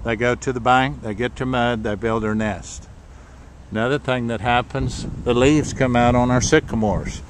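A man's voice: mid-range voice, steady tone, moderate pace, a little hiss or hum. A man giving a casual, rambling tour of his fishing spot on a riverbank, with lots of fillers and repeated words, recorded on a handheld camera mic. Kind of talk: casual narrated walking tour. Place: riverbank outdoors.

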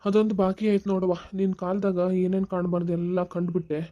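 A weary, sarcastic older father-in-law from a cartoon story, played by a woman. He makes dry remarks in a warm, dark tone. He talks quickly. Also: fairly low pitch, little pitch movement, highs cut off, close to an everyday voice.

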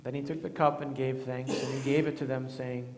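A man leading worship as pastor, praying and speaking in a measured, solemn way, his voice ringing with a cathedral echo. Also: medium pitch, level tone, background noise. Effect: cathedral echo, long church reverb. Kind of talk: liturgical prayer and communion address. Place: large church sanctuary. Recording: long reverb of a large church hall.

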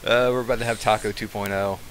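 A man's voice: fairly low pitch, fairly even intonation, fast, fairly bright tone, poor audio. A man streaming a game in casual chat, laughing and joking his way through the mishaps.

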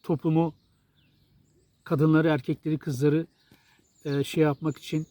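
A slightly high, warm and level male voice, a little slow and dryly recorded, belongs to a middle-aged Turkish journalist and writer. He speaks directly to his audience in an exasperated, blunt ramble that keeps starting over.

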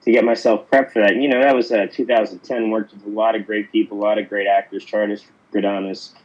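A man's voice: on the low side, little pitch movement, fast, breathy edge, muffled recording. A man from Pittsburgh, an actor, telling stories in a casual interview, rambling with lots of fillers and restarts. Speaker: actor guest.

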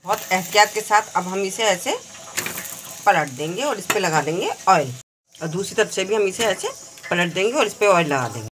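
A woman hosting a cooking channel, giving friendly step-by-step recipe instructions as a voice-over. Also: medium pitch. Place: home kitchen.

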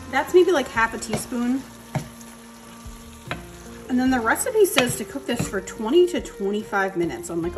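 A woman in her thirties from New Hampshire, chatting casually to viewers as she cooks at home. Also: fairly high pitch. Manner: chatty, upbeat, talks to viewers while cooking. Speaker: cooking channel host. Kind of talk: casual cooking vlog narration. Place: home kitchen. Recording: roomy kitchen with background music.

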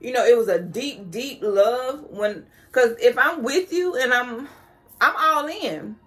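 A slightly tipsy woman in her thirties chatting casually to camera at home, loose and candid, with expressive, colloquial dramatic emphasis. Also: a little high, slow, soft background music. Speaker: vlogger answering questions. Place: small decorated room at home, indoors.

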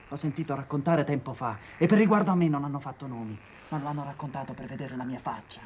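An actor plays a desperate young man torn between resentment and love, his voice swinging from hushed pleading to fierce outbursts. There is faint noise behind him. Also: mid-range voice, natural voice. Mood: bitter. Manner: impassioned, swings from hushed to shouting. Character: tormented young man, bitter and desperate son. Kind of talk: 1980s TV drama acting.

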